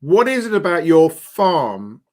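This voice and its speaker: A man with a slightly higher voice hosts a casual chat over a video call. He talks in a loose, hesitant way, circling back over his words with plenty of fillers as he asks questions. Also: sing-song, a little slow, a little mellow. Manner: chatty, hesitant with many fillers and restarts. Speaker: host.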